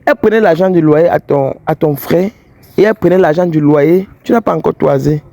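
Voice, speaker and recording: Brisk and gravelly yet warm, this slightly high male voice belongs to a fidelity-tester vlog host with a Cameroonian English accent. He confronts people in a street vlog, scolding and teasing them bluntly.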